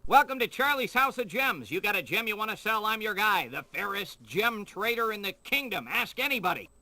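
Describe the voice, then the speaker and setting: A man's voice: sits high, very animated, fairly quick, bright, forceful tone, soft background music, full character voice. A man playing a salesy, self-assured gem trader in a video game. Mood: boastful. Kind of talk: video game character acting.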